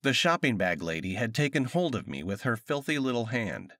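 A man narrating an audiobook with expressive storytelling, recorded close on a USB condenser mic in a sound-treated home studio. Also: medium pitch, brisk, dry recording.

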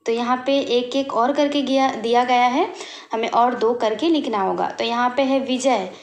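A woman teacher slowly working through a worksheet, explaining each answer step by step as she writes. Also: fairly high pitch, steady tone, echoey room. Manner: slow, explaining step by step while writing. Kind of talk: worksheet walkthrough lesson.

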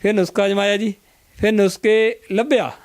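A man, an herbal remedy practitioner, explaining home cures in a health interview and acting out his patients' words in an animated way. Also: high voice, normal speed, dry recording.

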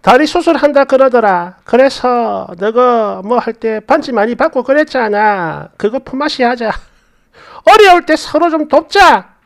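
A woman's voice: a little high, lively intonation, unhurried, vocal fry. Pushy older mother-in-law, wheedling and fake-sorry, voice going up and down lots, read by a woman. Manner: wheedling, falsely apologetic.

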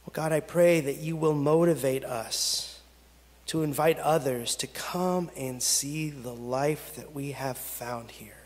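A man in his thirties, a pastor, leading a pastoral prayer and reading scripture from the pulpit in slow, measured phrases with long pauses. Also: fairly high pitch. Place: church sanctuary at a pulpit. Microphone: pulpit gooseneck microphone. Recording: long reverb of a church sanctuary.

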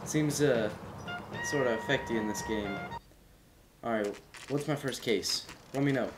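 A man casually narrates his own play through a video game. He chats back at the game's characters as he goes, with music clearly playing behind his mid-pitched voice. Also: a little slow. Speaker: gameplay commentator. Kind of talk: casual gaming commentary.

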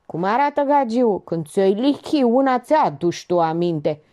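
A woman's voice: mid-range voice, animated, warm tone, pitched above the performer's own voice, close to an everyday voice. A woman voicing a sarcastic, crude young man who mocks the others. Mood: mocking. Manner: sarcastic, mocking.

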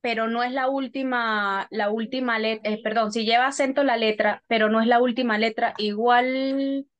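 A woman's voice: a little high, fairly even intonation, moderate pace, dull audio. A woman student asking a hesitant question in class, correcting herself as she goes.

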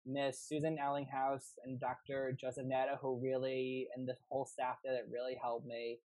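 A man's voice: mid-range voice, completely flat delivery, moderate pace, darkish tone, no echo, poor audio. A young man from New York, a spinning instructor, telling his story eagerly and rambling on a home video call. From New York, USA. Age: young adult. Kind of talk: casual video call interview.

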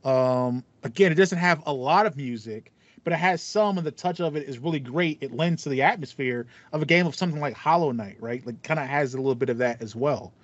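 A man in his thirties co-hosts a podcast, chatting casually and enthusiastically about video game music and explaining things in a rambling way. His voice is medium-pitched and fairly quick. He's on a headset over a video call from a small foam-paneled room at home, so the audio is dry and slightly muffled.

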